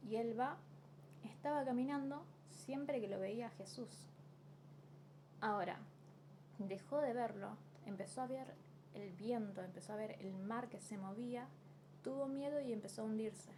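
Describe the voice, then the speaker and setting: A woman with a Rioplatense Spanish accent giving a casual devotional talk, earnest and reflective, often pausing with fillers. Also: on the high side. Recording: steady background noise.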